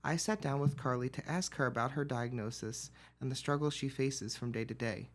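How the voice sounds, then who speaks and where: Male reporter, scripted news narration, mid-range pitch. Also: a little fast.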